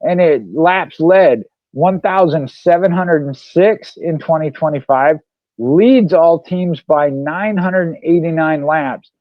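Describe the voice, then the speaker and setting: A man co-hosting a racing podcast, chatting casually and slowing down to read figures. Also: a little high, no echo. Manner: conversational, reads figures slowly. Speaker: podcast co-host. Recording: dry dull lo-fi mic.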